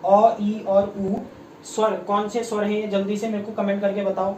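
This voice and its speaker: A man's voice: sits high, monotone, moderate pace, darkish tone, a little hiss or hum. A man teaching an exam-prep lesson online, asking his students questions again and again and reading out their comments. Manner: drills students with repeated questions, reads out comments. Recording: echoey room, mic at a distance.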